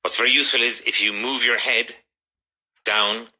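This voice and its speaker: A man from Ireland running an English class, drilling students and correcting them in a brisk, encouraging way. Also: medium pitch, steady tone, bright, forceful tone, poor audio. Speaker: English teacher.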